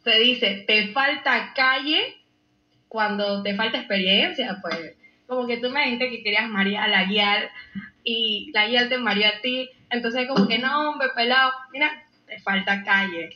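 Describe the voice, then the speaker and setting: A woman's voice: a little high, a little slow, roomy sound, highs cut off. A young woman with a Panamanian accent casually explains local slang to the camera in a playful way, often laughing and acting out the phrases, wearing a lapel mic. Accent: Panamanian Spanish. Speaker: reality show contestant.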